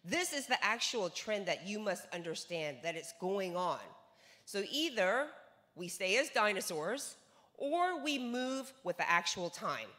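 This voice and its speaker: Speaking a little slowly in a mid-range, sing-song voice that is bright and forceful, a North American woman in her forties lectures on sales. She is a business seminar speaker on a large hall stage using a handheld mic, repeating words for emphasis and asking rhetorical questions, with long hall reverb in the recording.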